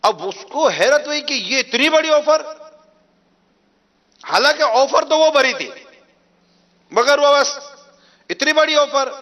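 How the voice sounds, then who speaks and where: A man's voice: very high voice, sharp tone. A man with a Pakistani Urdu accent giving a sermon, retelling a story and acting out its dialogue with rising emphasis. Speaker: preacher.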